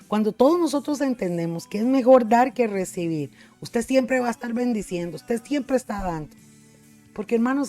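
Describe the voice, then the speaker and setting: A woman's voice: fairly high pitch, warm tone. A middle-aged woman pastor with a Costa Rican accent, preaching a sermon and telling a personal testimony with fervor, often addressing her listeners as brothers and sisters. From Costa Rica. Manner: fervent storytelling, calls listeners brothers and sisters.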